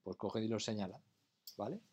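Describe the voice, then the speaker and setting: During a classroom lecture, a man explains things patiently and keeps asking questions to check whether students understand. He speaks briskly in a lowish, slightly mellow voice, and the sound is lo-fi.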